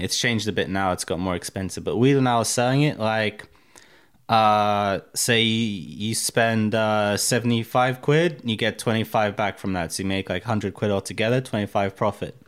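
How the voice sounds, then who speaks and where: Here a Russian guest in his thirties, whose accent combines Russian, American and English influences, chats candidly in a casual interview, cursing and using plenty of fillers. His voice is lowish, with a fairly bright, clean tone.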